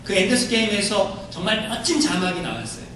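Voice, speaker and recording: A male pastor with a very high voice preaches a sermon with lively, rising and falling pitch. He keeps putting rhetorical questions to his congregation. His words ring around a big church hall, caught from a distance over a faint low rumble. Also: a little fast. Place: church sanctuary.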